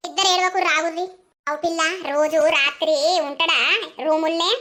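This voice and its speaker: A woman voicing a shrewd, bossy village neighbor in a cartoon, speaking briskly and commandingly. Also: very high-pitched, steady tone, bright, forceful tone, a little hiss or hum. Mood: scheming.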